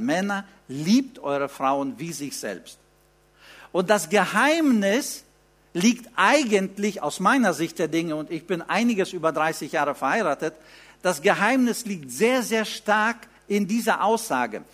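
A man's voice: sits high, a bit bright. A man in his fifties preaching a sermon in German, teaching with rhetorical questions and emphatic repeated phrases.

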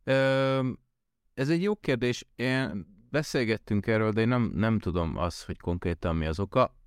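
This podcast guest is a Hungarian tech worker who moved abroad, and his clear, resonant voice sits on the low side. Talking casually, he tends to restate himself and circle back in the middle of sentences. It's recorded in studio quality with no echo.

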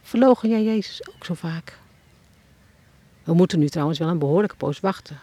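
A woman's voice: lowish voice, normal speed, warm tone, husky, dry recording. A woman who writes children's books tells a devotional story as if she is watching it happen, and keeps turning to the listener with questions. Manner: addresses the listener directly with questions, as if standing at the scene. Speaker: children's book author.

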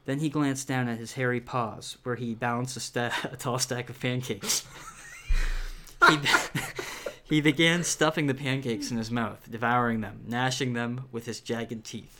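A man's voice: mid-range voice, fairly even intonation, a little slow, pushed and bright, a little hiss or hum. A man reading a children's horror book aloud, breaking off with laughs and casual asides. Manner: laughing asides, many fillers. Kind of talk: casual read-aloud with commentary.

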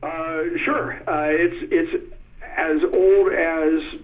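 A man speaking as a poetry expert in an interview, thoughtful and hesitant with many pauses, reciting verse slowly with stressed beats. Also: on the high side, fairly even intonation. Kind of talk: conversational interview. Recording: tinny phone line.

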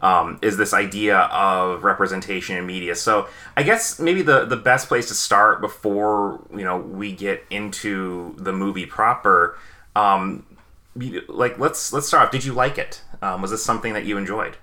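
Low-voiced bright man hosting a podcast. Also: moderate pace. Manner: rambling with many fillers. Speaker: podcast host. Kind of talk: casual podcast chat.

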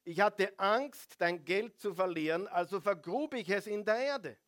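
Fearful servant read by a preacher, slow and pleading, a bit high. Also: male voice, fairly bright tone, dry recording, clean studio sound. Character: fearful servant reporting to his master.

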